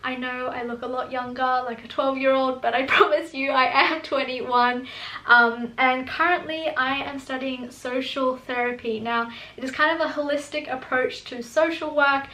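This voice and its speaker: A young woman in her early twenties talks through viewer questions in a chatty vlog, laughing often and restarting her sentences. Her voice is high and bright, held in a narrow pitch range. The room around her is echoey. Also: steady tone, moderate pace. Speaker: student vlogger. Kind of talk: casual Q and A vlog.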